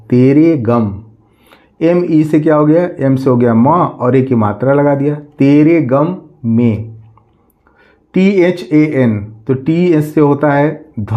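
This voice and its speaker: A male teacher speaks in a slightly raised voice and takes his time, drawing out each letter as he spells words aloud. He keeps asking his students what a word becomes and answers for them. The sound is a bit dull and lo-fi. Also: fairly high pitch. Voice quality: slow, drawn-out letter-by-letter spelling, repeating questions.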